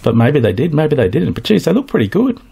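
A man's voice: a little high, big pitch swings, fast, gravelly, warm tone, husky. A man chatting enthusiastically to viewers in a casual review of a scale model kit.

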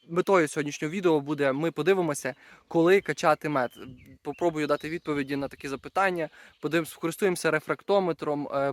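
This male beekeeper's voice sits on the high side with no room sound. He chats to viewers while demonstrating his work at an outdoor apiary, repeating short phrases casually for his video, as bees and insects buzz in the background.

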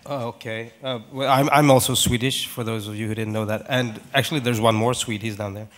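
A man's voice: mid-range voice, steady tone, a little fast, a bit bright. Joking man. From Denmark. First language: Danish. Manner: joking, self-deprecating, laughs between remarks. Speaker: actor on a press panel. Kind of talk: press conference answer. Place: large press conference room. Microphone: table microphone.

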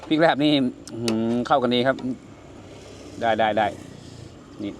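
An older man chats casually while cooking and tasting for his vlog, reacting out loud to the flavors. He talks at medium pitch and a normal speed, with slight background noise behind him.

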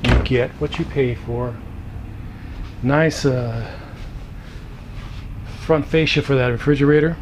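A man's voice: steady tone, takes it slowly, long pauses. A man giving a casual walking tour of RV trailers on a dealer lot, talking offhand with lots of "uh"s. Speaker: RV vlogger. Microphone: handheld or body camera. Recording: outdoor camera audio with traffic noise. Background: highway traffic noise.

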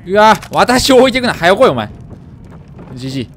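A man's voice: high-pitched, very animated, brisk, a little hiss or hum. Jumpy Kansai-accented man gaming. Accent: Kansai Japanese. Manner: loud startled yelps and joking curses. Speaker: gamer. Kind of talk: horror game let's play commentary.

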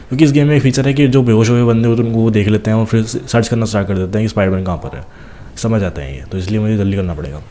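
Young man, game commentator, lowish voice, fast teasing chatter, faint background hiss. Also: warm tone. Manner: chatty, teasing enemies, talks fast while playing. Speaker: gameplay commentator.

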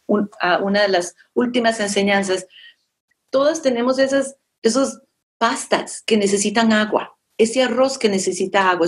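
A middle-aged woman from Costa Rica giving an inspirational, faith-based talk, addressing her listeners directly and acting out other people's voices. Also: fairly high pitch. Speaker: motivational speaker.

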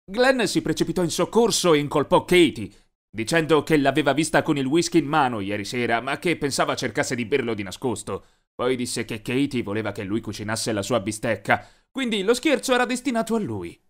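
A man narrating an animated teen story in a lively, mischievous storytelling voice. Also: mid-range voice, brisk.

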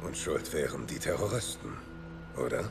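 An actor in a German video game dub playing a gruff, wry middle-aged special forces captain who talks tersely and with command. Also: male voice, a bass voice, lively intonation, normal speed, heavily acted. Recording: loud music behind.

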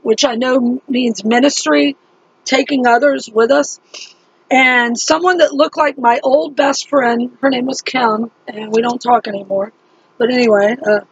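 A middle-aged woman with a high, husky voice rambles through her dreams, correcting herself and filling pauses as she goes. The sound is dry and close, with a slightly dull, lo-fi tone. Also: no room sound. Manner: rambling, self-correcting, with frequent fillers. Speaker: video channel host. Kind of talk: casual spoken recounting of dreams.

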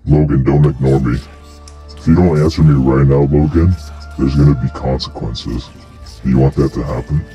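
Man through a deep-shifted voice changer as a menacing devil, slow and insistent, very low and flat. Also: dull audio, over music. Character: menacing devil offering a soul deal. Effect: voice changer pitched very deep. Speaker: prank caller. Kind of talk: prank call over game voice chat.

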